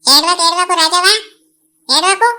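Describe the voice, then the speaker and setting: A woman's voice: very high voice, normal speed, bright, forceful tone, full character voice. A woman voicing a fussing middle-aged village neighbor, chatty and scolding, in a Telangana accent.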